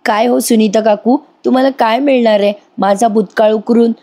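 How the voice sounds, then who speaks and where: A woman's voice: on the high side, fairly even intonation, moderate pace, warm tone, lightly acted. A woman voicing a young bride from a TV serial who pleads with and firmly answers her accuser. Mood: pleading. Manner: pleading, then firm.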